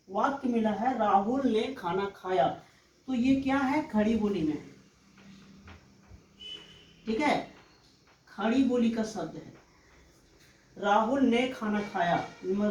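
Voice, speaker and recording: A woman teacher giving a slow, explanatory exam-prep lecture, often pausing to check that students follow. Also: fairly high pitch, a little mellow, slight background noise. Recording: echoey room, mic far off.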